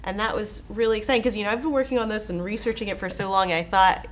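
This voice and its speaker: An enthusiastic documentary filmmaker from Texas, in the United States, speaks conversationally as a guest in a festival interview. Her medium-pitched voice is fast, with a steady tone.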